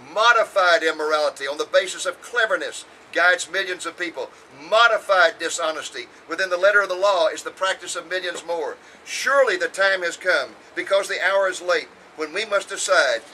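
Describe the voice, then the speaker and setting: Man reading a sermon outdoors, earnest and emphatic, bright edgy voice, mic far off with faint hiss. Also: high-pitched. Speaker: preacher. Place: outdoors on a hilltop.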